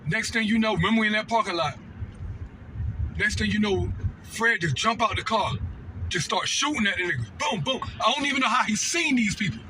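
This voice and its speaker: This storytelling vlogger, an American man, has a high-pitched, animated voice that runs a little fast, bright and forceful. He recounts a personal story casually and off the cuff, repeating himself, using slang and seeking agreement with "right?" and "know what I mean." Audio quality is low, with slight hiss or hum.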